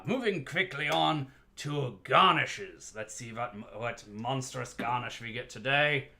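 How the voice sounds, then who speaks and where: Playing a jokey bartender called the "dungeon barkeep," a man mixes cocktails on a relaxed livestream and talks with showy, theatrical patter. His medium-pitched voice sounds bright and pushed.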